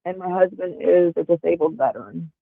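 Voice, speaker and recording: Speaking a little fast, a woman in her forties has a fairly low, creaky voice and a flat delivery, recorded dry. She guests on a livestream, chatting casually and rambling with many fillers over earbuds on a tinny phone-style call line.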